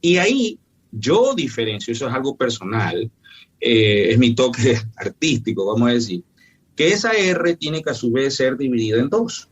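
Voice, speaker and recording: A man's voice: medium pitch, big pitch swings, moderate pace, slightly rough, highs cut off. A man, a functional medicine doctor, explaining his approach in an emphatic, teacherly way during an interview. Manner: emphatic, didactic, lists points firmly.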